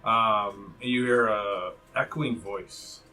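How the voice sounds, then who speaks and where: A man improvising scene descriptions as game master of a tabletop game, in a halting, descriptive way. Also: fairly low pitch, fairly even intonation, sharp tone. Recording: distant mic with music behind. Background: music.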